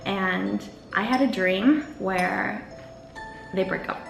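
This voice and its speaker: A woman's voice: mid-range voice, takes it slowly, vocal fry. A young adult woman chatting casually as a show co-host, telling personal stories in a giggly way and acting out what people said. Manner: animated retelling, acts out quoted dialogue, giggly. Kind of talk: casual chat, personal storytelling. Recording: echoey room, music underneath, clinking dishes.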